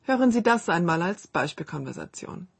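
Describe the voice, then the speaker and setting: A woman hosting a scripted radio language lesson, reading model phrases slowly and clearly. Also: fairly low pitch, sing-song, noisy background.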